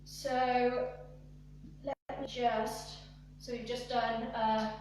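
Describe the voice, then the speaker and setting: A young woman with a high voice teaches a dance routine over a live stream, walking through each move and breaking into counts and sung snippets. She talks at an unhurried pace. Her voice comes from across a very echoey room with a faint hum behind it. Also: little pitch movement, darkish tone, distant mic. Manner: talks through moves, counting and singing along to the music. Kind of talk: live online dance lesson. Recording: echoey room, voice away from the mic.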